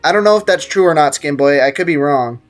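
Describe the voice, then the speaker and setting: A man with a slightly high voice and lively intonation talks fast as he streams a video game, joking in slang, reading chat and casually commenting on play against game music.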